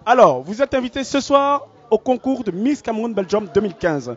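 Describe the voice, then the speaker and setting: A high-pitched man with big pitch swings talks fairly quickly while conducting live red-carpet interviews at a beauty pageant gala for a web channel. He stays upbeat and formal and repeats announcements in the crowded hall, captured in muffled lo-fi audio.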